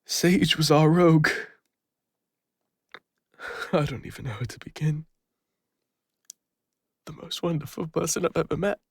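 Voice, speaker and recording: A man with an English accent and a slightly high, gravelly voice plays Killian, a guilt-ridden retired fantasy adventurer who is lonely, vulnerable, and wistful. His speech is halting and confessional, fond and nostalgic, in a full character voice. The recording is dry and close, like an intimate audio roleplay.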